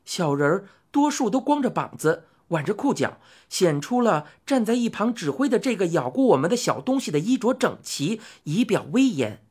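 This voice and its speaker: A woman narrating a children's storybook in a clear, even reading voice. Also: medium pitch, normal speed, few pauses.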